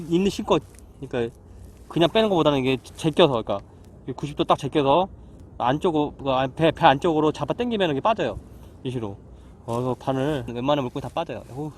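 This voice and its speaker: A man hosting his own fishing vlog outdoors by the sea, exclaiming and repeating words as he reels in fish. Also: on the high side. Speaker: fishing channel host. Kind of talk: excited fishing vlog commentary. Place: seaside harbor outdoors. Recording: loud background music.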